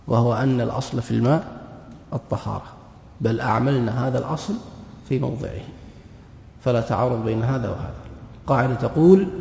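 A man's voice: medium pitch, vocal fry, dark tone, a little hiss or hum. A man giving a religious lesson on Islamic law, reading a passage and then explaining it, posing questions and answering them himself. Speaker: teacher of Islamic jurisprudence. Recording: echoey hall with long reverb.

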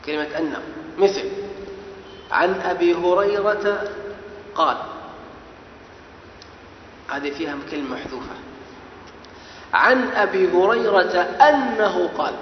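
A man's voice: on the high side, a little hiss or hum. A man giving a classroom lecture as a hadith teacher, explaining step by step and quizzing his listeners with questions. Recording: echoey hall, dull lo-fi sound.

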